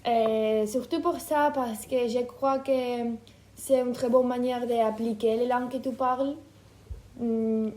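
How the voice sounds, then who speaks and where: A woman in her twenties from Ukraine, speaking French, answering interview questions thoughtfully with many pauses. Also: fairly high pitch, mellow. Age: 20s. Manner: hesitant, thoughtful, many fillers. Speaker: interview guest. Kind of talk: casual interview.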